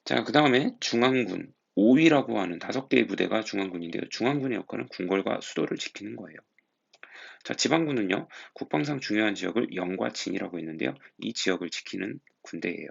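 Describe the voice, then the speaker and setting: Gravelly-voiced male teacher giving a lesson. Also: on the low side, lively intonation, fast talker. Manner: explains patiently, poses rhetorical questions to students. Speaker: high school history teacher. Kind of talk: classroom lecture. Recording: dull lo-fi recording.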